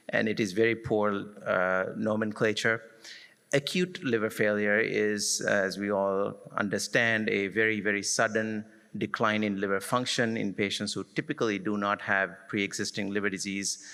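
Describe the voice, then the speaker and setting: Bright-voiced male doctor lecturing in a hall. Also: fairly low pitch, gravelly. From Sri Lanka. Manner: measured, explanatory, with frequent "uh" fillers. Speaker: conference speaker, hepatologist. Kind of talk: medical lecture. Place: conference hall. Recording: lecture hall with long reverb.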